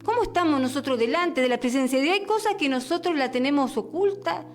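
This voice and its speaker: A woman preaches on the radio in a high, earnest voice. She circles back over her words and fills her prayer with repeated calls to the Father and the Lord. Faint music sits underneath. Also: fast. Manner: earnest, repeats words and restarts, prayer full of "Padre" and "Señor".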